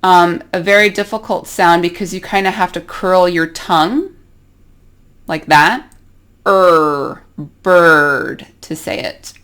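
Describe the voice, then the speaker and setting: American woman, english teacher, slow deliberate delivery, lowish voice, demonstrates vowels one by one. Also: fairly bright tone. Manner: slow, careful, demonstrates sounds. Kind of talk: pronunciation lesson.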